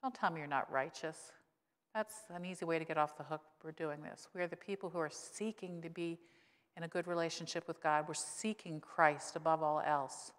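A woman in her sixties, a pastor, delivers a conversational, wryly humorous sermon into a church pulpit microphone, her tone steady and her pace moderate. She mentions that her voice has grown lower since her illness. The long reverb of a church sanctuary surrounds the recording.

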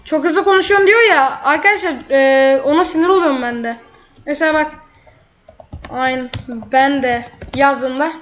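Woman gamer, high voice, running play-by-play commentary, quick to vent; dull lo-fi recording. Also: fairly bright tone. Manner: chatty, blurts out frustration at opponents. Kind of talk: live gameplay commentary. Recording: dull lo-fi mic.

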